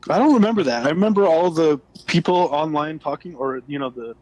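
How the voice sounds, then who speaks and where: A man's voice: fairly high pitch, lively intonation, fairly quick, a little mellow, no room sound, rough recording. A man co-hosting a casual gaming podcast, telling stories animatedly with many fillers. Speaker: podcast co-host.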